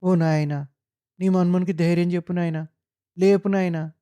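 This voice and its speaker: A man's voice: high voice, flat delivery, normal speed, darkish tone, clear, resonant tone, voice pushed up, natural voice. A man voicing a grieving village mother who keens over her dead son in a sing-song lament. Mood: anguished. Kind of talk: dramatic storytelling.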